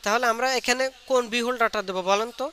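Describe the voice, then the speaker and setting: A man's voice: very high-pitched, fairly even intonation, racing, pushed and bright, clear, resonant tone. A man teaching a live online programming class, explaining step by step and quizzing his students with questions. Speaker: programming instructor. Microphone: computer mic on a video call. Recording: faint background noise.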